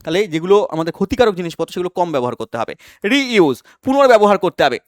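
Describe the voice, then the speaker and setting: A high-pitched man coaching students through exam science questions. He asks a question, then answers it himself, and keeps repeating the key terms. The recording is dry and close, with no room sound. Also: expressive, fast talker, no room sound. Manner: explains by asking questions and answering them himself. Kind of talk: exam-prep science lesson.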